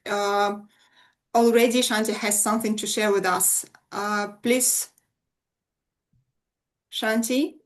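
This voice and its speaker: A woman moderates an online event over a video call. She speaks in a middle-pitched voice, haltingly, with many fillers and loose phrasing. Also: steady tone.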